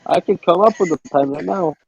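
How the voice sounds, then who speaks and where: A man's voice: high-pitched, fairly quick, creaky, darkish tone, husky, dry recording, lo-fi sound. A man joining a casual stream chat, teasing and crude.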